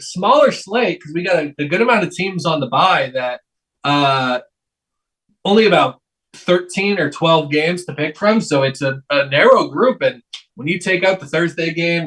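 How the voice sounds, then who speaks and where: A man's voice: a little high, a bit bright, recorded from a distance, poor audio. A man hosting a casual sports betting chat, speaking hesitantly as he thinks aloud. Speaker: sports betting podcast host.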